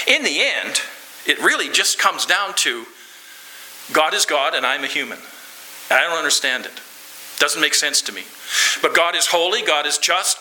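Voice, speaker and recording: Male guest preacher, conversational and earnest, bright tone, faint hiss. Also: on the high side, rough recording. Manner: earnest, conversational, asks the congregation questions. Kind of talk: sermon and closing prayer. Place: church.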